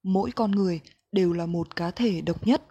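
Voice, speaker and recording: A woman reading a reflective book passage aloud in a slow, gentle, measured way. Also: fairly low pitch, husky. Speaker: book reader.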